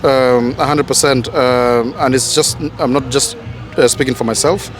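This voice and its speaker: A man's voice: mid-range voice, moderate pace, soft background music. A man from Kenya chatting in a street interview outdoors, rambling with lots of ums and uhs, into a handheld mic. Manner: rambling, many fillers, lively. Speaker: interviewee, music producer. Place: outdoors in a park. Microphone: handheld mic held by interviewer.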